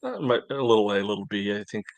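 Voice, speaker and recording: A man co-hosts a sports podcast, offering casual analysis as he thinks aloud haltingly and keeps saying "you know." His voice is fairly low, gravelly and very animated, and the recording is dry.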